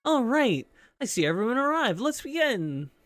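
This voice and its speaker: A woman streamer reading game dialogue aloud, voicing every character in an animated way. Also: fairly high pitch, normal speed, no room sound.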